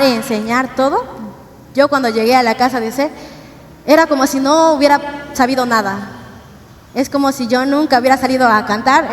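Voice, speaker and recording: High-voiced woman preaching in a hall. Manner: earnest, conversational, asks the congregation questions. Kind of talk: sermon testimony. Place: church. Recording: church hall reverb, faint ambient noise.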